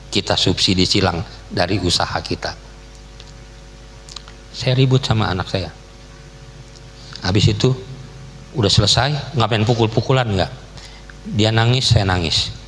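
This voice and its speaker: Middle-aged man, guest pastor, chatty joking sermon, long church reverb, faint hum behind. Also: fairly low pitch. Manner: casual, joking, Jakarta slang. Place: church hall.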